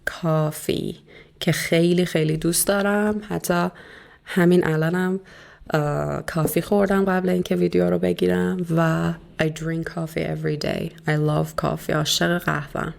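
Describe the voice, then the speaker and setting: A woman teacher giving a recorded video lesson, explaining in Persian and saying English words slowly and clearly. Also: on the low side, steady tone.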